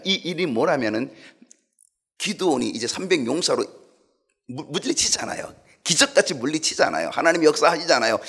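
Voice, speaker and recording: A middle-aged male pastor preaching a sermon in an animated way, asking the congregation questions. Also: medium pitch, husky.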